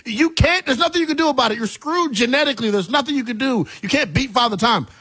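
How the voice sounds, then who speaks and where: A man's voice: extremely high pitch, lively intonation, quick pace, bright, forceful tone, husky, dry recording. A man hosting sports talk radio, colloquial and emphatic, repeating phrases to drive his points home. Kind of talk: sports talk monologue and caller chat. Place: radio studio.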